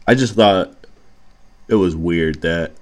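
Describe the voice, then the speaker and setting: A man's voice: deep voice, slow. A young man hosting a solo podcast, telling a story in a rambling, casual way with lots of fillers and casual swearing. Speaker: podcast host.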